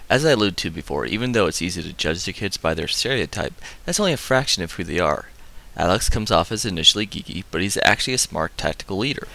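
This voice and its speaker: A man hosting a comic book review, summarizing the story with excitable, casual asides. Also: low voice, fast talker, vocal fry. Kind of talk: enthusiastic comic review narration.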